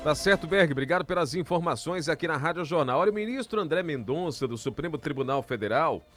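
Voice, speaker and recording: A man reading scripted news as a radio anchor in a formal, measured manner. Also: fairly high pitch, animated, music in the background.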